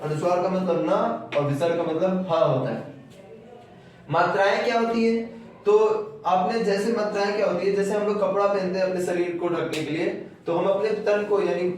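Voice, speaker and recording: Guy teaching grammar, pretty high voice, sounds far off in a really echoey room. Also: darkish tone. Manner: explanatory, repeats key terms, slows to spell out sounds. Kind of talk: classroom grammar lesson.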